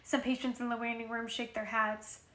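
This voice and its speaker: A woman's voice: on the high side, flat delivery, moderate pace, bright, forceful tone. A woman reading a novel aloud in a casual way, with occasional restarts. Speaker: reader. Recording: roomy echo.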